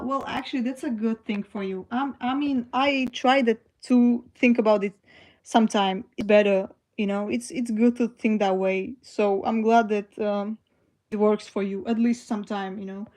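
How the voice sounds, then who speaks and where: Woman streamer, 20s, from Slovakia; slow, hesitant, mellow, higher-pitched casual chat. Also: rough recording. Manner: slow, hesitant, many fillers and restarts. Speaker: livestream host. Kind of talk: casual livestream chat reading comments.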